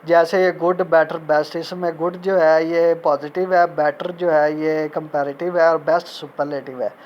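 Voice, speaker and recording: A man teaching a recorded grammar lecture in Urdu, reading out English example sentences and repeating each point slowly. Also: fairly high pitch, level tone, dull audio. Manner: mixes Urdu speech with spoken English examples.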